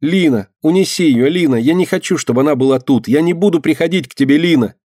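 A man's voice: fast, a little mellow, dry recording, clean studio sound, lightly acted. A man voicing a distraught, fierce little girl who cries out in anguish. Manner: crying out, shrill.

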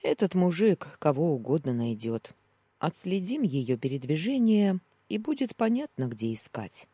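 A man voicing a blunt, gruff male friend who scolds curtly in an audiobook. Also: a little high, very animated, moderate pace, dark tone, dry recording. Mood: scolding. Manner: curt, scolding.

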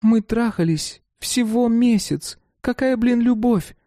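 A man's voice: extremely high pitch, takes it slowly, warm tone, no echo, studio quality, voice pushed up, full character voice. A man voicing a brash, harsh young woman who talks bluntly and coarsely. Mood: scornful.

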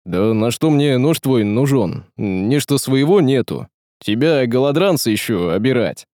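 A man's voice: mid-range voice, expressive, measured pace, mellow, no room sound, natural voice. A man voicing a stern old village headman who talks in a folksy, scolding way, in a dry close recording. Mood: scornful.

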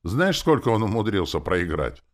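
A man voicing a gruff male orc who growls, grumbles and swears. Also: lowish voice, very animated, normal speed, pitched above the performer's own voice. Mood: grumbling. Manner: growling, cursing.

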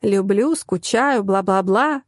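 A woman's voice: mid-range voice, takes it slowly, no echo, clean studio sound. A woman voicing a sly, mocking young female secretary with a smug, teasing manner, in an audiobook reading.

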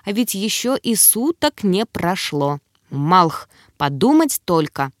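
A woman narrating a fantasy novel aloud in an expressive, dramatic first-person reading. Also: fairly low pitch, slow pace, dry recording, studio quality. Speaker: audiobook narrator.

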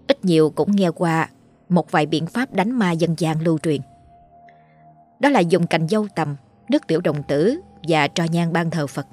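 A woman narrating a horror story in a steady, dramatic way. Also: fairly low pitch. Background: faint music.

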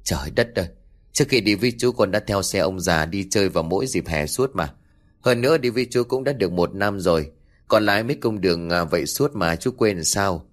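A man's voice: deep voice, animated, a little fast. A man voicing a cheeky young male truck driver who teases and complains. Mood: teasing. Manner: teasing, whiny.

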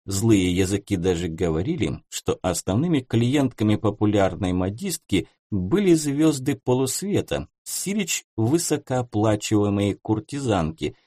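A male audiobook narrator telling the story in a wry way. His voice is dark and husky. His pitch moves in a lively way, and the dry sound has no room around it. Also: unhurried, few pauses, no room sound. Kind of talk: scripted narration.

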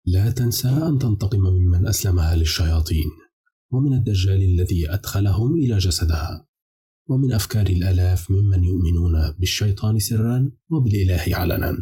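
A man's voice: sits low, fast talker, dark tone, husky. A man voicing cold, ominous enslaved demons. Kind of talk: audiobook character reading.

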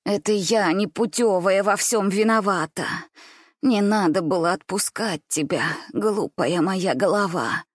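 A woman voicing a scheming old grandmother who talks slowly with false, soothing care. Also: mid-range voice, dry recording, studio quality, lightly acted. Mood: false sorrow. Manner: slow, soothing, falsely caring.

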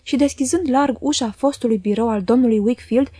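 Woman audiobook reader, calm and measured, mellow warm tone, dry close sound, somewhat high voice. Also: husky, no room sound. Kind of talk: literary audiobook narration.

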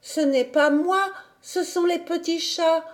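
A woman's voice: very high-pitched, fairly even intonation, takes it slowly, voice pushed up. A woman reading an audiobook voices an earnest young girl who explains and stammers. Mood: flustered.

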